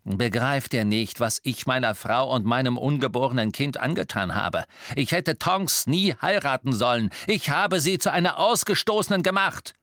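A man's voice: medium pitch, big pitch swings, measured pace, no echo, clean studio sound, voice pushed up. A man voicing Lupin, a weary, guarded werewolf. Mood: anguished. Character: weary middle-aged male werewolf teacher, guarded. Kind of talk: audiobook character reading.

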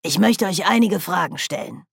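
A commanding old witch woman with a sharp, clipped way of speaking, voiced by a woman reading aloud. Her voice sits low and even. The recording is close and dry. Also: moderate pace, vocal fry, breathy edge, dry recording, full character voice. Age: older. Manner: curt, commanding.

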